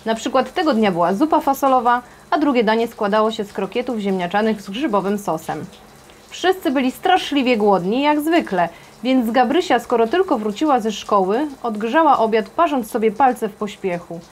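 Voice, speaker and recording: Woman, audiobook narrator, children's novel, expressive, lively, somewhat high voice. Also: normal speed, slight background noise.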